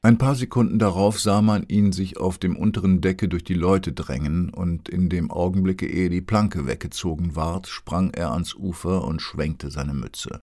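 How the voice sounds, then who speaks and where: A man reading a storybook aloud in a calm, even narrating voice. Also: low-pitched, normal speed, hardly any pauses.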